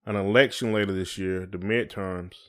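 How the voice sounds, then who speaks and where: Speaking in a low, clean-toned voice at a moderate pace with fairly even intonation, this American podcast host keeps things relaxed and colloquial. He frequently drops in "you know" to check in with the listener.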